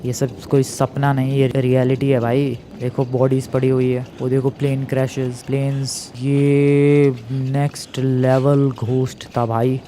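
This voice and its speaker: A young man giving casual, excitable commentary over a video game, his voice jumping up when he gets scared. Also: medium pitch, a little hiss or hum. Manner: excitable, yelps and rises sharply when scared. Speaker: gaming YouTuber.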